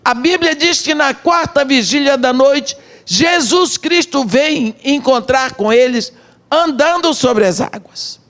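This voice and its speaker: A middle-aged woman with a Brazilian Portuguese accent delivers a sermon at an unhurried pace. She builds the story in short phrases with dramatic pauses, like a missionary speaking to a congregation. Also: high-pitched, a bit bright. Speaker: missionary preacher.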